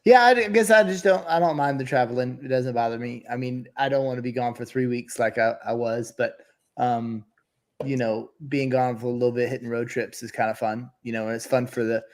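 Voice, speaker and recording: A man's voice: mid-range voice, fairly quick. Casual, folksy man chatting. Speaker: podcast co-host, volume photographer. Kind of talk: casual chat.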